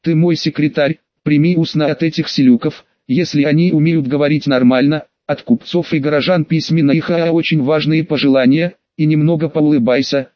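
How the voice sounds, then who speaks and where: A man's voice: fairly high pitch, steady tone, brisk, hardly any pauses, no room sound, dull audio, close to an everyday voice. A man voicing a crude, lecherous, overweight middle-aged male mayor who grumbles and growls in an audiobook. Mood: scornful.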